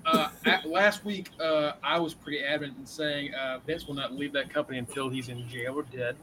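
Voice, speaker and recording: A man co-hosting a podcast, recapping news casually and haltingly, with frequent ums. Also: mid-range voice, fairly even intonation, sharp tone, slight background noise, poor audio. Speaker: podcast producer and co-host.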